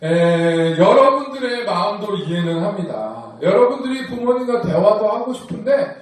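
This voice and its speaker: A man gives a sermon to teenagers and keeps coaxing them with questions. His voice sits high and swings with lively animation. He sounds distant from the mic, with heavy echo from a church hall. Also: normal speed. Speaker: youth pastor. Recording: echoey room, voice from afar.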